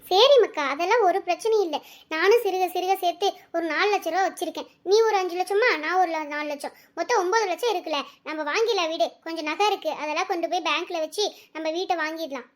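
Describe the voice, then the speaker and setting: A woman's voice: very high voice, quick pace. A woman voicing a caring, emotional village mother in a cartoon family drama. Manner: affectionate, tearful, talks in long runs.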